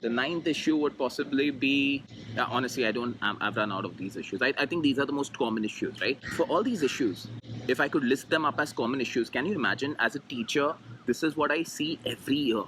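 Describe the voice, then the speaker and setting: A man's voice: mid-range voice, fast, background noise. A man in his thirties, a teacher with an Indian English accent, giving earnest advice to students and mixing English with Hindi. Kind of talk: heartfelt advice talk to students.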